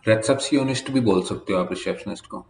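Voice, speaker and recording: A man teaching a German vocabulary lesson in at a whiteboard, slowly spelling out each word letter by letter. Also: fairly low pitch, roomy sound, slight background noise. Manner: slow, spells words letter by letter. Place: classroom with whiteboard.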